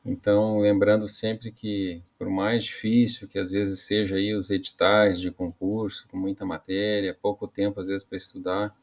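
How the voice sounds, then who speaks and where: Male teacher, gravelly low voice, casual lesson delivery with frequent restarts. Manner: casual explaining with frequent "né" and "tá" tags; halting restarts while explaining. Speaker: Portuguese teacher. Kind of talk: online grammar lesson.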